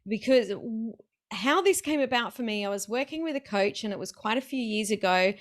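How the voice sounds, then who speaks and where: A woman hosting a casual interview, chatty and excited, laughing easily as she talks. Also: a little high, a little fast. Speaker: podcast host.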